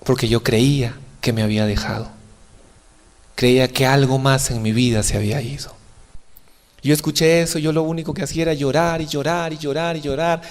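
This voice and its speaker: A young man preaching an emotional testimony sermon, impassioned and pleading, his voice rising to high cries. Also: steady tone, fairly quick. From outside Colombia.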